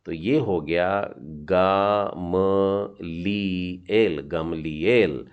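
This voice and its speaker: A man's voice: sits low, darkish tone. A middle-aged man teaching a children's Hebrew lesson, patiently sounding out each letter and encouraging his students.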